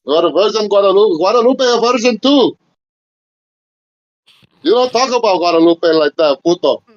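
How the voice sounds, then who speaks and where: A man putting on a high, nasal voice with a Mexican Spanish accent, playing a pushy male caller who speaks broken English and curses in Spanish. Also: expressive, moderate pace, no echo. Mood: insistent. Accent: put-on Mexican Spanish accent. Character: adult male phone caller with a put-on Mexican accent, pushy job seeker. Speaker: prank caller. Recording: dull lo-fi phone line.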